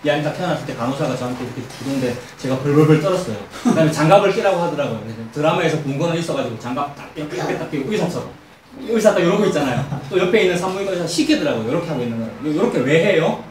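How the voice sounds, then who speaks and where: A male pastor preaching in an echoey church sanctuary, his fairly high voice carrying from a distance. He talks emphatically, shifting into animated storytelling and throwing rhetorical questions at his congregation. Faint room ambience sits under him. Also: very fast, slight background noise. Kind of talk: expository sermon.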